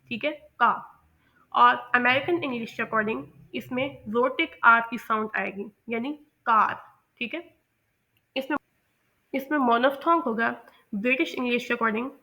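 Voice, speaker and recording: Pakistani woman, English pronunciation tutor, clear bright tone, slightly high, patient and repetitive delivery. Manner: patient, repeats and corrects herself. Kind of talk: explanatory lesson, mixing Hindi-Urdu with English.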